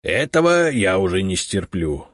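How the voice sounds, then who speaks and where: A self-important male house spirit from an audiobook, as a male narrator puts him on, lifting his husky voice up high with lots of swing. He lectures bossily and grumbles with little "eh" fillers. The sound is dry and close. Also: big pitch swings, measured pace, no echo, exaggerated voice. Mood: grumbling angry. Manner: bossy, know-it-all, grumbling with 'eh' fillers. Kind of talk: audiobook character voice.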